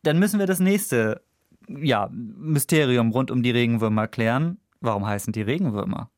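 A man's voice: medium pitch, expressive, normal speed, darkish tone, dry recording. A man hosting a science podcast in a studio, asking playful, jokey questions in casual chat. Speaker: podcast host. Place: radio studio.

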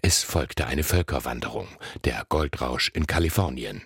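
Extremely deep male radio announcer. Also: lively intonation, normal speed, creaky, fairly bright tone, slightly rough, no room sound, studio quality. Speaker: programme announcer. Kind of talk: scripted radio history announcement.

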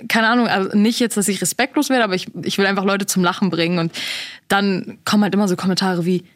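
A young woman talks casually as a guest on a show. Her phrasing is slangy, with English words dropped in, and the sound is dry with a middling pitch. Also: fairly even intonation, quick pace, no echo. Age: young adult. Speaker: podcast guest, comedy creator. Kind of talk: casual chat.

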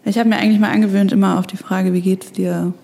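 Soft-spoken young woman, mellow voice. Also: mid-range voice, flat delivery, fast talker, gravelly. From Stuttgart, Germany. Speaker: podcast guest. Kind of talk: casual conversation.

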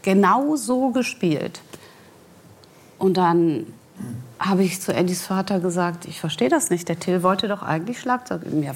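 Casting note: middle-aged woman, animated storyteller acting out dialogue. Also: fairly low pitch. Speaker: guest, guest's mother. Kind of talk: storytelling anecdote.

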